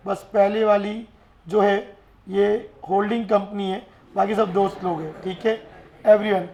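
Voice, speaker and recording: A man teaching a class in a lively way, often urging his students to answer and mixing English terms into his speech. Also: high voice, unhurried. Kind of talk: classroom lecture.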